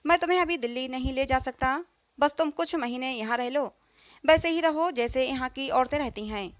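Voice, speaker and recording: A woman voicing a gentle, evasive young husband who talks in a soft, coaxing way. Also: high voice, normal speed, dry recording, natural voice.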